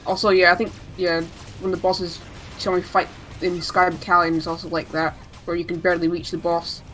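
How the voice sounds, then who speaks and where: A woman's voice: fairly low pitch, level tone, a little fast, fairly bright tone, faint music behind, low-quality recording. Chatty woman commentating her speedrun. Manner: chatty, joking asides. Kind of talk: live gameplay commentary.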